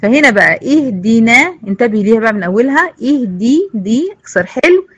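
A woman with an Egyptian accent teaching an online tajweed lesson, patiently repeating words and modelling slow recitation. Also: on the high side, animated, slightly rough, muffled recording. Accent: Egyptian Arabic.

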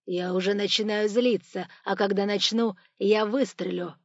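Audiobook villain: a woman voicing a threatening male robber, loud, dry lo-fi sound. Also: medium pitch, steady tone, normal speed, no room sound, close to an everyday voice. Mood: menacing. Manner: shouting, threatening. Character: stern masked male robber, menacing.

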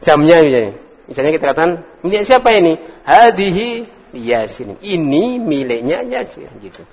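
A man teaching Arabic to a class, quizzing students, correcting them with gentle teasing and sounding out words slowly. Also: fairly high pitch, sing-song, husky. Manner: drills pronunciation slowly, corrects and teases students. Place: lecture hall with students. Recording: echoey hall recording.

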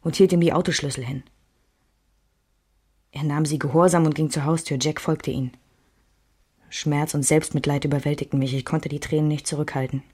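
An actress gives a measured, intimate first-person radio drama narration as a reflective, hurt woman recalling her marriage. Her low voice is husky, steady, and darkish, and the recording has no room sound at all.

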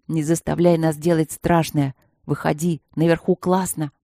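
Big rowdy student guy read by a woman, dark booming voice, audiobook. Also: little pitch movement, normal speed, dry recording, studio quality. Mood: coaxing. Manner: booming, mock-threatening. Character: big burly young male student, rowdy, teasing.

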